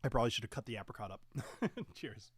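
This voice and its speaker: Fast, animated and slightly rough, this medium-pitched man hosts a casual whiskey-tasting livestream with no room sound. He rambles, uses fillers, corrects himself, and talks while chewing and sipping, at times with his mouth full.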